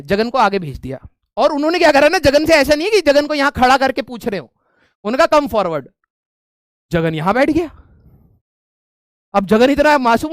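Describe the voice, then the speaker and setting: A young man with a strikingly high voice tells a story to his viewers in a casual, animated way. He keeps dropping "ठीक है" between lines. The sound is dry and close, with no room echo. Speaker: streamer telling a story.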